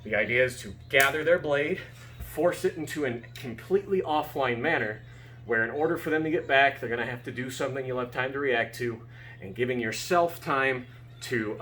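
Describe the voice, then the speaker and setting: A man's voice: mid-range voice, pushed and bright. A man giving casual, explanatory fencing instruction, often checking that his students follow. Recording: echoey room with background noise.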